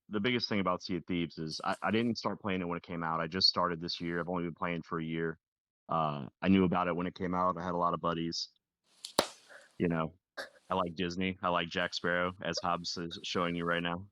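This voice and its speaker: A man's voice: deep voice, little pitch movement, fairly quick, sharp tone, dry recording, muffled recording. A man in his thirties talking casually as a podcast guest, rambling with many fillers. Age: 30s. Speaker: guest streamer.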